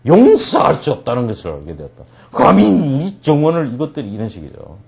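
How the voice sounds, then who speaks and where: A man's voice: mid-range voice, wildly swooping pitch, brisk, creaky, a little mellow, lo-fi sound. A man teaching an English reading lesson, translating line by line and joking as he tells the story.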